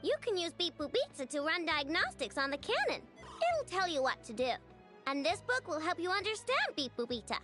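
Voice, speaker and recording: Spirited snack-loving girl inventor, very high, wide-ranging and cheeky. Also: a little fast, soft background music, heavily acted. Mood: bossy. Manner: lively, cheeky.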